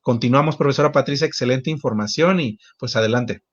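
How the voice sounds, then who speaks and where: A man's voice: medium pitch, fairly quick. A man who is a teacher moderating a webinar, friendly, adding his own classroom tips. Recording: dull lo-fi call audio.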